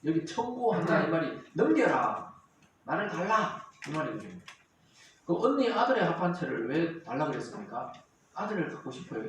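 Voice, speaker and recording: A man preaching a sermon as pastor, animated and acting out the quarrels in character voices. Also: a little high. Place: church sanctuary. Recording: very echoey hall, distant mic, faint noise.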